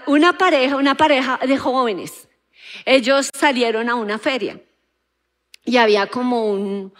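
A woman preaching a sermon in an auditorium, acting out quotes and asking the audience questions. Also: fairly high pitch. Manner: animated, acts out quotes, asks the audience questions.

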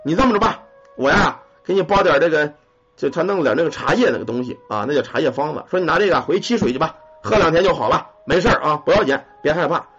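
A man's voice: a little high, a bit bright, husky, full character voice. A man doing a soothing spirit advisor. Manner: soothing, unhurried. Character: calm reassuring man who advises on spirits. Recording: muffled lo-fi recording.

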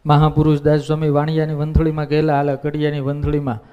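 A male monk giving a devotional storytelling sermon, lively and folksy, acting out the characters' voices. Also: on the high side, fast, clean tone. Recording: dull lo-fi recording.

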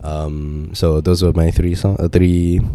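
Very dark, deep-voiced Malaysian man. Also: little pitch movement, a little slow, clear, resonant tone. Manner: laid-back, code-switches between English and Malay with particles like lah and macam. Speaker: podcast co-host and songwriter. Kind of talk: casual podcast chat.

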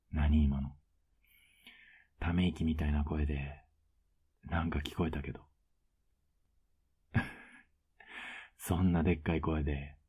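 A man playing a husky, very deep doting boyfriend. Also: exaggerated voice. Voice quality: husky whisper. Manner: teasing, soft-spoken, coaxing. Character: teasing, doting older male boyfriend. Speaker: voice actor. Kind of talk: whispered role-play.

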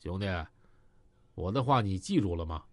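A man voicing a cold, menacing tough man who speaks low and steady. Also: moderate pace, dry recording. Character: cold tough middle-aged man, gangster ex-soldier.

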